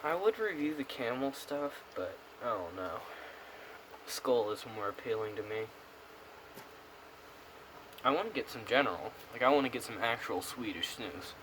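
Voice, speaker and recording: A man's voice: mid-range voice, lively intonation, normal speed, pauses often. A young American man rambling casually in a vlog review, talking with a pouch tucked in his upper lip. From United States. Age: young adult. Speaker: product reviewer. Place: small room indoors. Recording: clear background noise on camera mic.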